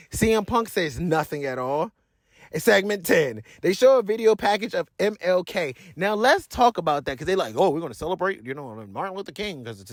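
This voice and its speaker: A man with a fairly high voice that leaps up and down as he vents about a wrestling show, cursing freely. His talk is slangy and blunt, full of rambling asides. The sound is dry, with no room echo. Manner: exasperated, blunt, swears freely. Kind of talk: casual profane rant.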